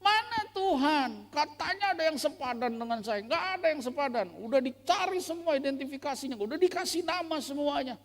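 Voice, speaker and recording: A man's voice: expressive, brisk, few pauses, a bit bright, big-room sound. A pastor voicing Adam as an exasperated first man, whining and complaining in a raised voice. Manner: whiny, high-pitched complaining.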